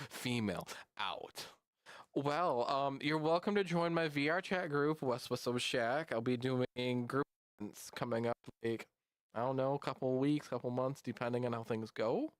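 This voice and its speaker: Male streamer, middle pitch, rambling casual chat with viewers, dry close recording. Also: a little slow, dry recording. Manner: rambling and chatty, talks to chat. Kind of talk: casual livestream chat reacting to memes.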